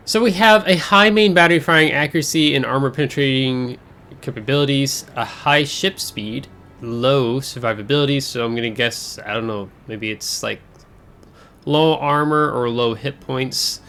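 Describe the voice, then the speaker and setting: A man with a slightly congested, stuffy voice hosts a casual game overview from a desk microphone at home. He talks in a chatty, rambling way, full of fillers and quick self-corrections. His pitch sits in the middle range for a man. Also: sharp tone. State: congested from air travel. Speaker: gaming channel host.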